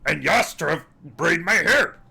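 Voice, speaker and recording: A man's voice: fairly high pitch, expressive, takes it slowly, gravelly, pushed and bright, husky, exaggerated voice. A man voicing a blunt male warrior who speaks in clipped, broken English.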